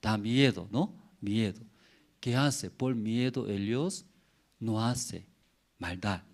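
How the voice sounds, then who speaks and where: Korean-accented pastor guy, middle-aged, preaching slow, keeps asking "mm?". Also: lowish voice, creaky, a little mellow. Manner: simple broken Spanish, rhetorical questions with "mm?" tags. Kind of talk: sermon.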